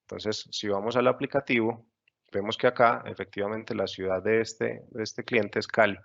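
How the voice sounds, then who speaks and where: Man, low gravelly voice, patient webinar instructor, dull lo-fi audio. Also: fairly even intonation, normal speed, fairly bright tone. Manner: patient step-by-step explaining with frequent fillers. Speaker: software instructor. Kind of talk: screen-share webinar tutorial.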